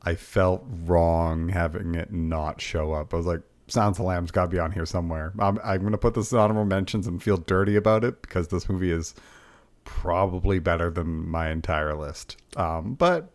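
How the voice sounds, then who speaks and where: Man with a really deep voice cohosting a podcast, chill and wry. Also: normal speed. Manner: laid-back, wry, chatty. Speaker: podcast co-host. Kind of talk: casual chat.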